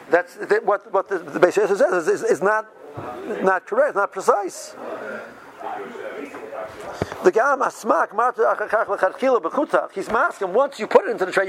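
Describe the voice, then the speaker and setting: A man's voice: high-pitched, rough recording. A man giving an informal lesson on a religious text, reading and explaining, rephrasing often and posing questions that he answers himself. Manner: repeats and rephrases, poses questions and answers them.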